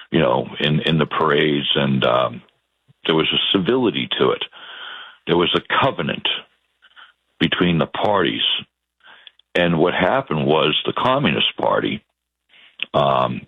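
Guest, male, Boston accent, very deep gravelly voice, halting delivery, tinny phone-like line. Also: no room sound. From Massachusetts. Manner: halting, many fillers and restarts. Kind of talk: political interview.

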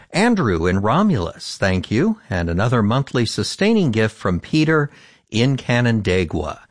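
An American man hosting local public radio, making an earnest, appreciative live pitch for donations. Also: no echo, clean studio sound. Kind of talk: live fund drive pitch.

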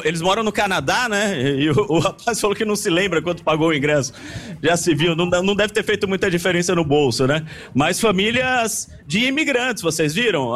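A man with a Brazilian Portuguese accent, reporting live outside a stadium and asking fans quick, chatty questions. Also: high voice, fairly bright tone. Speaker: field reporter. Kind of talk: live street interviews.

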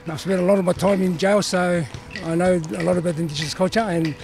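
A man's voice: sits high, flat delivery, quick pace, vocal fry, darkish tone, a little hiss or hum. A man from Tonga who grew up in Australia, speaking with heartfelt pride in an interview. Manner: proud, heartfelt. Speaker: inmate.

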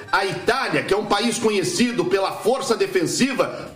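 A man delivering a scripted sports report, reading the team lineup in an even cadence. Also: sits high, roomy sound.

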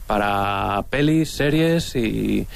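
Relaxed man from Bilbao, matter-of-fact. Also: lowish voice, extremely slow, gravelly, slight background noise. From Bilbao, Spain. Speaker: audience contestant. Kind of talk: casual studio chat.

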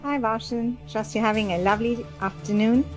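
Woman, recorded voice message, played on air, polite, courteous, quiz answer, soft music behind. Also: fairly high pitch, fairly even intonation, brisk. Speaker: radio listener.

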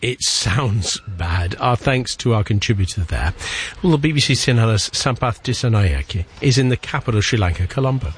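A man's voice: lowish voice, lively intonation, moderate pace. A male news presenter reading scripted links and questioning a correspondent on the radio. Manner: smooth, scripted delivery.

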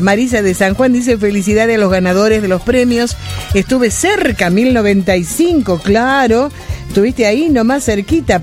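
Chatty Argentine woman radio host. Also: medium pitch. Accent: Argentine Spanish. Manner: chatty, warm-hearted and reassuring with listeners. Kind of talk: late-night radio show with listener prizes.

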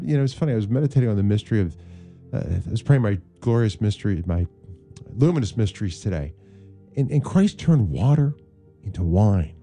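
A man with a smooth radio host delivery, hosting a call-in prayer show and leading callers through a call-and-response prayer. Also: fairly low pitch, mellow.

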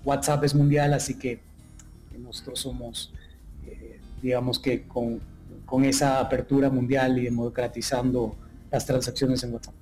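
A mellow, warm-toned man in his thirties, originally from Ecuador, talks at length about his business in an interview. He speaks fluently but fills his sentences with hesitations and restarts. Faint music plays softly behind him. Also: mid-range voice, level tone. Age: 30s. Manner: fluent, many filler pauses and restarts. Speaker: tech startup founder, guest.

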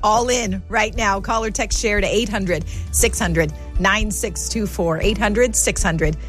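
A woman co-hosting a radio fundraiser with a smooth radio host delivery, reading donor names and phone numbers in an even, measured cadence. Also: medium pitch, faint music behind. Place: radio studio.

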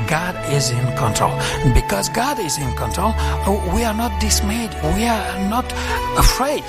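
A man from Romania with a Romanian accent, speaking emphatically with rising conviction. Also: on the high side. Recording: loud music bed behind.

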